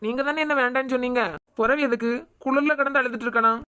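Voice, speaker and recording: A woman with a Kanyakumari Tamil accent voicing a teasing, devoted young male doctor in a cartoon, scolding in quick banter. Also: sits high, steady tone, bright, forceful tone, clear, resonant tone, no echo. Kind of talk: cartoon voice acting.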